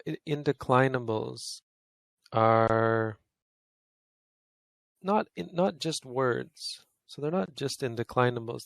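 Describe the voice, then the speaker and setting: Explaining grammar to a study group, a monk who teaches Pali thinks out loud in an easygoing way and often stops to fix what he's said. He speaks in a gravelly, mid-range voice, recorded close and dry with no room sound and no echo.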